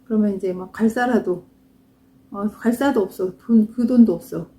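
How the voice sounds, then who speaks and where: A woman's voice: mid-range voice, moderate pace, mellow, reverberant. A woman in her fifties, an esthetics instructor giving a frank, chatty lecture to salon owners and mixing in stories about herself. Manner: chatty, anecdotal, frank and self-mocking.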